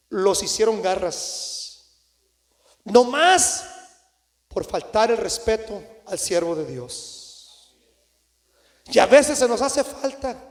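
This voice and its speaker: A man preaching an impassioned Pentecostal sermon, swinging between loud exclamations and low asides as he keeps addressing the congregation as brothers. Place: church sanctuary. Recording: echoey church hall.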